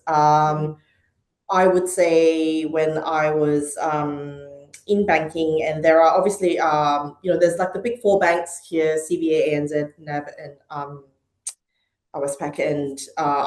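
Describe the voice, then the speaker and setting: This middle-aged guest, from Malaysia and Hong Kong, has a low, slightly mellow voice. She reflects thoughtfully during a conversational podcast interview, with lots of ums and uhs, and the recording has room echo.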